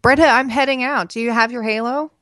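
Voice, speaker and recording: A woman's voice: on the high side, steady tone, fairly quick, a bit bright, dry recording, studio quality, pitched above the performer's own voice, close to an everyday voice. A woman reading the lines of a fussy, fond middle-aged mother in a fretful, teasing way.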